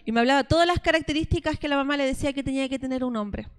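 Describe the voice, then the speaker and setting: A Chilean woman in her thirties preaches to a women's church group, giving a testimonial sermon full of stories and addressing her listeners directly as sisters. Her voice is high-pitched and her delivery rapid-fire.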